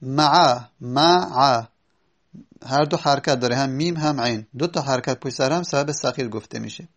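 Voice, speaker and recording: A man's voice: medium pitch, a bit bright. A man teaching a lesson on Arabic prosody, patiently spelling out examples letter by letter with fillers. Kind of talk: spoken lecture.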